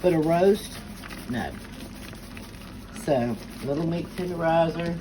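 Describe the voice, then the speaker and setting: A middle-aged home cook chats her way through a cooking demonstration in her kitchen, dropping many "uh" fillers. She has a low voice and speaks slowly. Noisy kitchen ambience fills the background.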